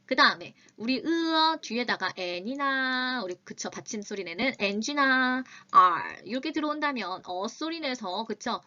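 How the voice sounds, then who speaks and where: A Korean-speaking woman teaching Chinese in an online lesson, patiently drilling pronunciation and slowly repeating syllables. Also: on the high side, lively intonation, pushed and bright. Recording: slightly dull lo-fi sound.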